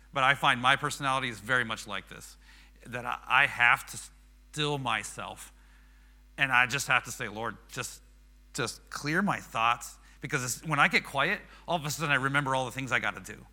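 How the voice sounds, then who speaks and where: Middle-aged male preacher, crisp bright tone, chatty and self-deprecating, acts out quotes. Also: mid-range voice, brisk. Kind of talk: conversational sermon.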